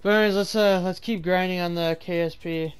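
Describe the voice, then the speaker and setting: Excitable high-voiced young gamer guy. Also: fairly quick, over music. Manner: excitable and profane, bursts of hype. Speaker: gaming video host. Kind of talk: casual gameplay commentary.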